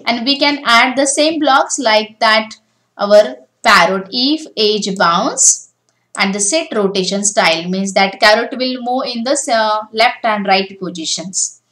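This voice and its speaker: A woman's voice: a little high, bright, forceful tone, rough recording. A woman teaching a coding lesson for beginners, explaining each step in turn over a screen recording. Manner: step-by-step explaining, often starting with "now".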